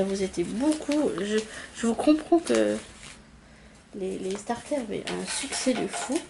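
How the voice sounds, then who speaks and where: A woman's voice: fairly high pitch, creaky, background noise. A woman YouTuber casually announcing giveaway winners, hesitant and full of fillers. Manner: slow, hesitant, many fillers. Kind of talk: casual vlog chat.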